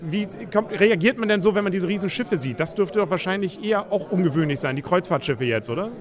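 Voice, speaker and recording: Fast-talking man interviewing in the street. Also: high-pitched, expressive. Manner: chatty, jokey questions. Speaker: radio podcast host. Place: outdoors in a busy city. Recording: crowd noise behind. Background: crowd.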